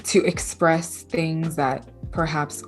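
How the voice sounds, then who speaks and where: A low-voiced young woman from Bangladesh talks thoughtfully about her art and writing in a relaxed interview. She speaks softly, with fillers and light laughs. Faint music plays in the background. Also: takes it slowly. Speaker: artist and writer, interview guest. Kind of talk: casual interview conversation.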